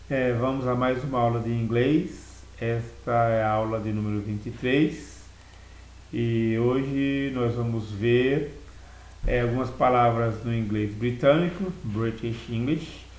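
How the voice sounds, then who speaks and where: A man giving a recorded language lesson, explaining vocabulary slowly and repeating words in two languages. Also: medium pitch, darkish tone, roomy sound, poor audio. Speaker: English teacher.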